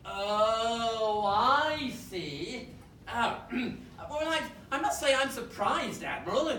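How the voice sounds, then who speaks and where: A woman's voice: fairly high pitch, sing-song, extremely slow, a bit bright, a little hiss or hum, heavily acted. A woman playing a flustered posh naval officer. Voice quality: posh English, fussy and nervous. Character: flustered, bumbling male British naval officer. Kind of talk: live stage comedy acting. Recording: echoey stage, picked up from far off.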